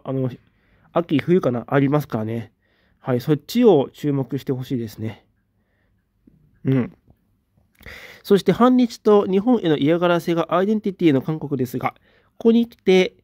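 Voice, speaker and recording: Mellow relaxed man reading viewer comments. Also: a little high, dry recording, studio quality. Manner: relaxed, reads comments aloud with brief replies. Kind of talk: casual livestream chat.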